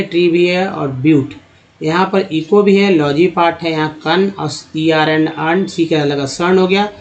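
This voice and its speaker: A man teaching English reading in a Hindi-language phonics lesson, steadily spelling out letter groups and repeating their sounds. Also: on the high side. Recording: dull lo-fi recording.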